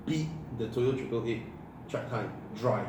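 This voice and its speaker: A man's voice: medium pitch, a little slow. A middle-aged man with a Malaysian accent chats casually as a car show host, emphatic, repeating phrases and asking rhetorical questions. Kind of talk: casual enthusiast chat. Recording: echoey room, distant mic, clear background noise.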